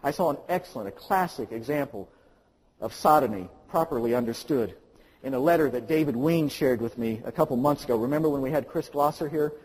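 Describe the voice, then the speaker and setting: A male pastor preaching an impassioned sermon, swinging from quiet to loud. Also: mid-range voice, fairly quick, husky, long reverb tail, rough recording.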